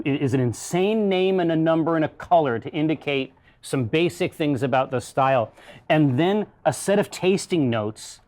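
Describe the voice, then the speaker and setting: A man hosting a casual tasting show, talking at length and swearing casually as he explains. His voice sits slightly higher than most men's. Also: darkish tone. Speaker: show host. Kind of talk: casual chat.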